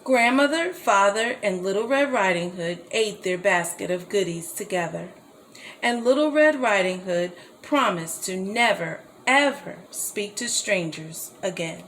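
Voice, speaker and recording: A woman reading a children's story aloud as a storybook reader, slow and gently expressive. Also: medium pitch, a little hiss or hum, rough recording.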